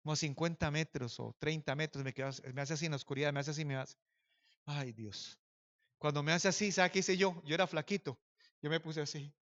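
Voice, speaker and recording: A man preaching a sermon as pastor, telling a personal story and swinging from hushed to loud. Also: fairly high pitch, fairly even intonation, fast, dull audio.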